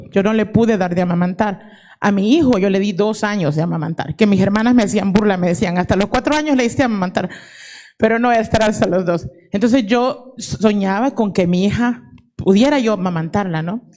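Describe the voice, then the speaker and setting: A woman's voice: medium pitch, a little fast, darkish tone. A woman in her forties giving an earnest personal testimony at a conference, dropping English words into her Spanish. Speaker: audience member giving testimony. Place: conference hall.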